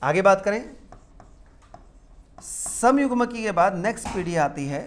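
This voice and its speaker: A male teacher giving a classroom lecture. He asks the class questions and answers them himself, and he repeats key terms slowly. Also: sits high, lively intonation, slight background noise.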